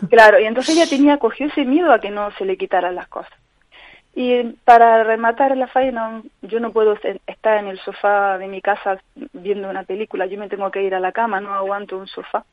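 A mother living with chronic pain tells her story as a guest in a call-in interview, speaking earnestly but haltingly, often pausing and restarting. Her mid-range voice comes through a telephone as a tinny, dry phone line on the radio.

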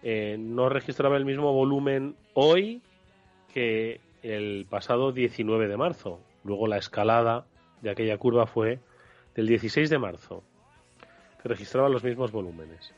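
A man's voice: mid-range voice, normal speed, no echo, dull audio, faint music behind. A man hosting a radio panel discussion, putting questions to his guests with many fillers. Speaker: radio show host.

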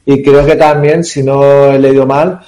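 A man's voice: medium pitch, little pitch movement, a little slow, warm tone, low-quality recording. A man, a panel guest speaking eagerly but hedging with fillers. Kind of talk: roundtable discussion.

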